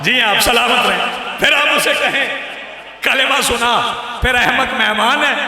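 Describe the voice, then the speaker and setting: A man preaches in Urdu with a Pakistani accent, his voice pitched very high and sharply bright. He calls out to people in the crowd and swells into emphatic recitation. The sound rings through a heavily echoing space with a long reverb tail. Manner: addresses listeners by name, rising to emphatic recitation. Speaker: Shia cleric giving a majlis. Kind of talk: sermon. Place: large outdoor gathering with PA. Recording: echoey, reverberant public address sound.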